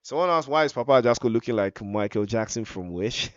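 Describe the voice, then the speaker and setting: A man doing live esports football match commentary, stretching out excited shouts on goals and big chances. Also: medium pitch, brisk, dry recording, highs cut off.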